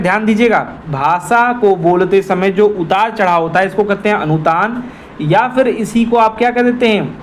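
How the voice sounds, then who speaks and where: High-voiced exam tutor. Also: male voice, a little hiss or hum. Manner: repetitive, addresses viewers as friends. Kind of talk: explanatory quiz walkthrough.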